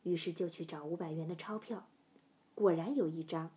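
Woman narrating with hushed suspense. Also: low voice, normal speed. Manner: dropping to hushed whispers in suspense. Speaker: storyteller. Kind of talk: first-person story narration.

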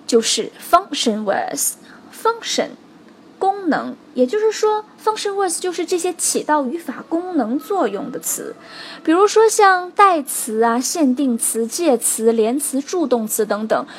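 A woman teaching a spoken English lesson, explaining stress rules clearly and stopping to check in with her students. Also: high-pitched, a little hiss or hum. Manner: explains slowly and clearly, stressing example words, checks in with "OK?" and "right?".

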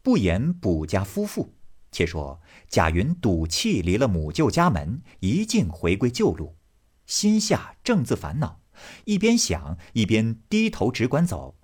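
Husky deep male storyteller. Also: measured pace. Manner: storytelling, expressive. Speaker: narrator. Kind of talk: classic novel audiobook narration.

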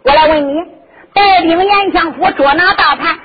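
A woman's voice: very high voice, brisk, heavy background noise. A woman voicing a stern scolding emperor. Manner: scolding, commanding. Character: stern male emperor questioning a courtier. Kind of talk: traditional storytelling performance. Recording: dull lo-fi recording with instrument music.

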